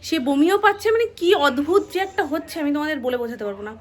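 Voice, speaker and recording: High-voiced woman chatting casually. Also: animated, quick pace. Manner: chatty, rambling daily diary, drops to soft near-whisper while child sleeps. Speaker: vlogger and mother. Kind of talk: casual chat to camera.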